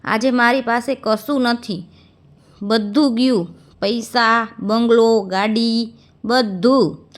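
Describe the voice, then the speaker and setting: A remorseful younger sister who once had wealth and lost it all, pleading and apologetic in a storybook tale, as a woman narrator reads her part. Her voice sits a little high. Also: fairly even intonation, slow. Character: remorseful fallen-rich younger sister, tearful.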